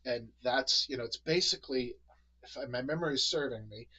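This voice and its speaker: A man's voice: mid-range voice, brisk, bright, forceful tone, husky, low-quality recording. A man from New England hosting a casual chat, rambling with many fillers and restarts. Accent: New England American. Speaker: podcast host.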